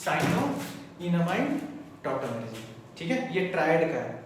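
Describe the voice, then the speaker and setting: A male chemistry teacher, lecturing at the board in a chatty, coaxing way and repeating terms slowly for students. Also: high voice, expressive. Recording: very echoey room, mic far off, faint noise.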